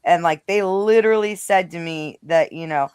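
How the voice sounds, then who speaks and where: A woman's voice: fairly low pitch, moderate pace, darkish tone, clean tone, dry recording, studio quality. A blunt woman who swears freely, talking casually in a live discussion. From Rhode Island, now Western New York.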